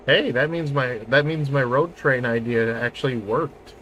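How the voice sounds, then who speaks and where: A man streaming a train game talks in a bright, forward voice, loose and jokey, laughing at his own slips. He speaks into a close desk or headset mic, and faint game ambience hums underneath. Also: medium pitch, normal speed, a little hiss or hum, low-quality recording. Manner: jokey, laughs often, self-mocking. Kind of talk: casual gameplay chat.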